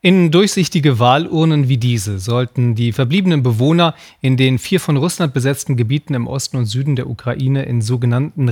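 A man presenting the news as anchor, with a measured, emphatic scripted delivery. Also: mid-range voice.

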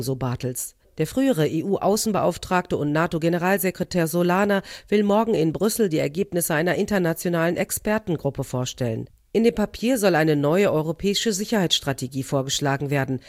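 A woman correspondent reading a scripted news report in a formal, measured newsreader manner. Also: on the low side, darkish tone, dry recording, studio quality.

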